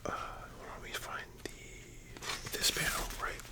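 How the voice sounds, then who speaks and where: A young adult ASMR host chatting about anime in a soft, sleepy library-style whisper, informal and rambling with casual asides. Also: slow pace.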